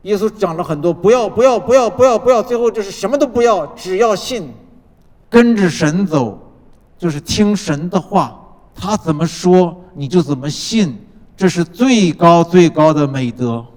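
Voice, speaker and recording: A man preaching a sermon as pastor, building points through rhythmic repetition and dropping from loud declarations to soft, low asides. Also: animated, a little slow. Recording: long reverb of a large hall.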